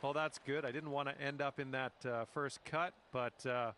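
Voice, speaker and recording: A man works as a golf commentator, calling play shot by shot in a casual style. His voice is medium in pitch and his remarks are short and reactive. Clear crowd sound and background noise sit behind him. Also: fairly even intonation, moderate pace, fairly bright tone. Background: crowd murmur and ambient noise.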